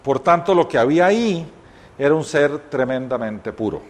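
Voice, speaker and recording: A man's voice: fairly high pitch, lively intonation, normal speed. A man teaching a Bible study, explaining scripture step by step and sometimes correcting himself mid-sentence. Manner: explanatory, retells scripture scenes with voiced dialogue; occasional self-corrections.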